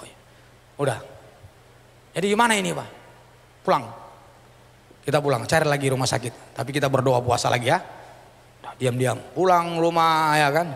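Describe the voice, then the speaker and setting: A man's voice: fairly high pitch, creaky. A middle-aged man, a pastor, telling a personal testimony in a sermon, acting out the people in his story as he goes. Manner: animated storytelling, acting out dialogue. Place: church sanctuary. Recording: church hall reverb.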